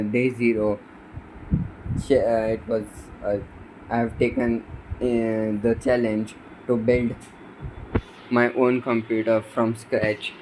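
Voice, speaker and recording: A man vlogging about his electronics project, thinking aloud in a halting way and often restarting sentences, sounding sleepy. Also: mid-range voice, darkish tone, a little hiss or hum, poor audio. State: sleepy, yawning. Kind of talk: thinking aloud while tinkering.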